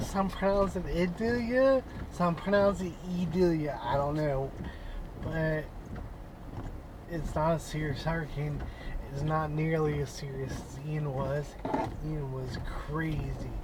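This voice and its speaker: A man from west central Florida, a rideshare driver, talking casually in a rambling vlog with halting restarts. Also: fairly high pitch, background noise.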